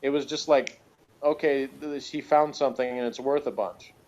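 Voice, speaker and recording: This co-host of a review show chats casually, his medium-pitched voice steady, a little mellow and at normal speed. He explains himself hesitantly, qualifying everything he says. The sound is slightly dull and lo-fi.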